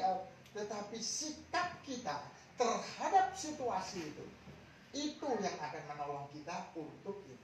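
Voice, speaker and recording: A male pastor preaches to his congregation, telling stories in an animated way and swinging between quiet, hushed passages and loud bursts. His voice rings through a very echoey hall and is picked up from a distance. A faint hiss of noise sits underneath. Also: high voice. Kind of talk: sermon. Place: church hall during a service.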